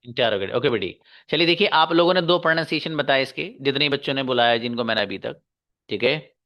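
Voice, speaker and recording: A male teacher with a medium-pitched voice runs an online English grammar class, patiently and slowly repeating the key bits. He calls on pupils one by one, and the sound is lo-fi.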